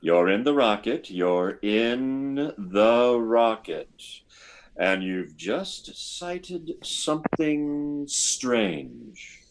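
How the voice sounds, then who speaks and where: An actor playing a hesitant, probing army psychiatrist in an old-time radio science fiction drama, stammering and deliberate. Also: male voice, mid-range voice, expressive, slight background noise. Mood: methodical, hypnotic.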